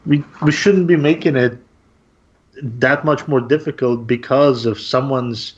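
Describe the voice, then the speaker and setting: A man's voice: medium pitch, steady tone, measured pace. A man co-hosting a casual panel discussion, making his points earnestly. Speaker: co-host. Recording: dull lo-fi sound.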